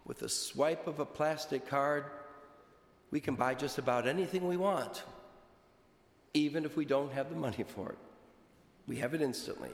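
A man speaking as a priest, reading scripture and preaching with a measured, deliberate church delivery in an echoing, cathedral-like church. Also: a little high. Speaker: priest giving a homily. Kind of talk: liturgical gospel reading and sermon. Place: large reverberant church. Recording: echoey cathedral-like church, long reverb.

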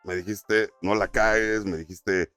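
A man's voice: fairly low pitch, fairly even intonation, measured pace, sharp tone, clear, resonant tone, no room sound, faint music behind. A man who works as a radio announcer, telling stories in casual podcast chat full of slang. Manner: storytelling, peppered with slang.

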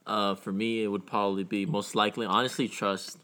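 A young man guesting on a podcast, loud and playful in casual chat. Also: on the low side, flat delivery, fairly quick.

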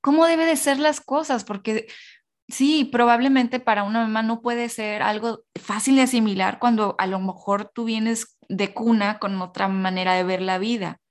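A woman's voice: fairly high pitch, fairly even intonation, normal speed. A woman hosting a podcast interview, asking empathetic follow-up questions. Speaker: host. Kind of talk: conversational interview.

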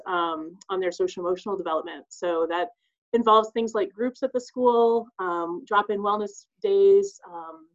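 A woman's voice: mid-range voice, darkish tone. A woman, a school social worker, speaks as a guest on a podcast interview. She explains things earnestly and steadily, with a few ums along the way. The recording sounds slightly dull. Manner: earnest, explanatory, some fillers.

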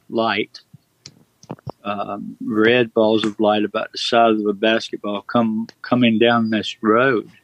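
A man, telling a personal story in a rambling, plain-spoken way and correcting himself often. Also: mid-range voice. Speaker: guest recounting a personal experience. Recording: dull lo-fi sound.

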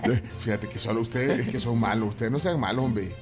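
A man with a Salvadoran accent hosting a radio show in a playful, bantering way. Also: mid-range voice. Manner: playful, quick back-and-forth banter. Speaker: radio host. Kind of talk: casual radio chat. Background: music bed.

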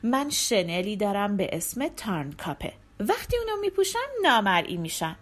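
Storybook hero, confident young man, earnest and warm-hearted, voiced by a woman. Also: medium pitch, big pitch swings.

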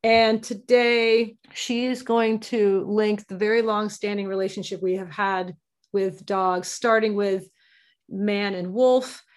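A woman's voice: medium pitch, steady tone, slow pace. A woman hosting a podcast, talking in a casual, conversational interviewing style. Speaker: podcast host.

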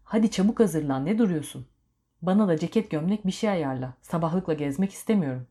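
A woman voicing an older man who is a hurried, bossy time traveler, barking urgent orders. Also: lowish voice, animated, dark tone, close to an everyday voice.

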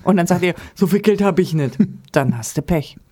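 A woman's voice: on the low side, moderate pace. Lady telling wild stories, voice jumps all over, cracks up laughing a lot. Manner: lively, laughs a lot, acts out quotes. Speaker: guest telling anecdotes. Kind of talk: casual storytelling chat.

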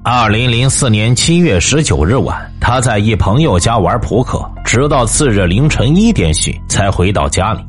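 A man's voice: lowish voice, moderate pace, few pauses, faint music behind. A man hosting a show, telling a true-crime case as scripted narration. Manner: storytelling, lively intonation. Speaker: host.

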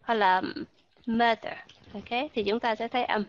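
A woman teaching a pronunciation lesson online, patiently repeating example words slowly to model the sounds. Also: fairly high pitch, steady tone, muffled recording, slight background noise.

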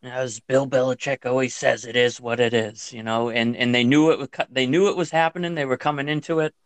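Smooth-voiced male sports podcast co-host. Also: mid-range voice, fairly even intonation, brisk, dry recording. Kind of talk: casual sports podcast chat.

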